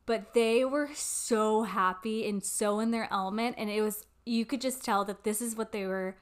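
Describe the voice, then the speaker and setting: A woman's voice: mid-range voice, fairly even intonation, moderate pace, clear, resonant tone. A young woman co-hosting a casual chat, enthusiastic and chiming in with short agreements.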